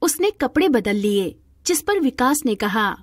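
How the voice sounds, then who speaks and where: A woman narrating a scripted storybook tale in a plain, steady manner. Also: a little high, measured pace, no room sound, clean studio sound.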